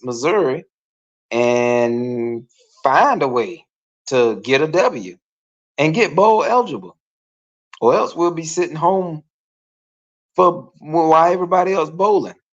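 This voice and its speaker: A man's voice: fairly high pitch, expressive, slow pace, fairly bright tone, muffled recording. A man joining a live-stream chat as a guest, frank and plain-spoken, repeating his points. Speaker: guest co-host. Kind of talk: casual sports chat. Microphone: video call.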